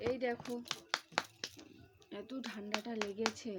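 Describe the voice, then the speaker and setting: A woman's voice: mid-range voice, flat delivery, takes it slowly, noisy background. A young woman vlogging at home, talking casually to her viewers and coaxing her child with a sore throat. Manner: chatty, coaxing her child in a sing-song voice. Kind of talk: casual home vlog talk.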